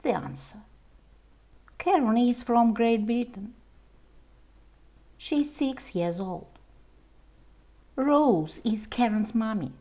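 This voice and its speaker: A woman reading a homework lesson aloud for young children, slowly and carefully, as their English teacher. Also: on the high side, lively intonation, dark tone.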